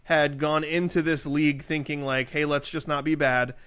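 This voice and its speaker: A man co-hosting a sports podcast, chiming in with quick, offhand remarks in casual chat. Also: on the high side, flat delivery, a bit bright, smooth. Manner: quick offhand chime-ins. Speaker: podcast co-host.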